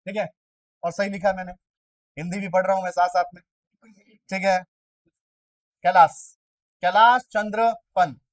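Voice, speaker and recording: High-voiced male teacher quizzing a class. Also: no room sound, distant mic, low-quality recording. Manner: quizzes the class constantly, voicing their questions himself; chatty, argues playfully with students. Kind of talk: classroom lecture for exam prep.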